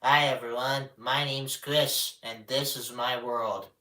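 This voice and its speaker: A man's voice: medium pitch, steady tone, slow, pushed and bright. A man voicing a cheerful puppet host. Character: friendly male puppet host greeting viewers. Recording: roomy echo, mic at a distance.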